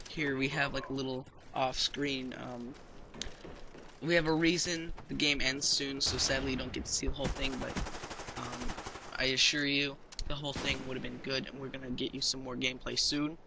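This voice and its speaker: A man's voice: medium pitch, steady tone, moderate pace, gravelly, noisy background. A man giving casual gameplay commentary, explaining tactics in a hesitant, filler-heavy way. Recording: voice over loud gunfire game audio.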